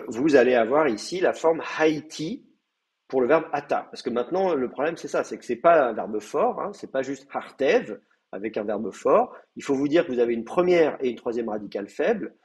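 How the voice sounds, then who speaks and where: A man's voice: mid-range voice, darkish tone. A man with a French accent giving a university lecture, hesitant, with many fillers and restarts. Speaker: teacher.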